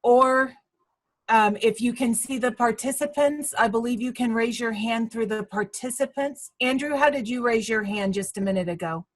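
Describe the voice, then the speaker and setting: A woman on college staff answering instructors' questions during a video call training, speaking in a measured, informative way with frequent fillers. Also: on the high side, rough recording.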